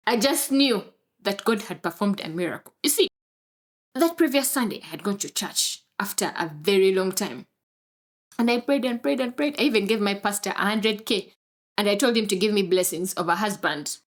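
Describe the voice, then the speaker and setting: A woman's voice: mid-range voice, expressive, normal speed. Brief: young woman, Ugandan English accent, comic storyteller, dramatic delivery with lots of exclamations. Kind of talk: comedic storytelling monologue. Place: film studio.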